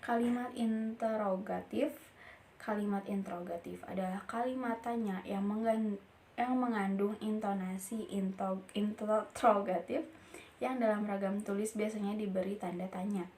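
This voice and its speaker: A young woman, a university student, reading course notes aloud in a steady voice and sometimes stumbling and restarting a word. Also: medium pitch, normal speed, slight background noise. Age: young adult. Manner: reads steadily from notes, with small slips and restarts.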